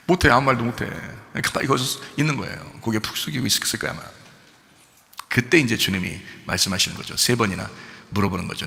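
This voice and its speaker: A man preaching from the pulpit, retelling a story with quick, lively delivery and a wide-ranging pitch. His voice is bright and forward. It rings with the long reverb of a church sanctuary. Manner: animated storytelling, switching between plain speech and polite address. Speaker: pastor. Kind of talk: sermon.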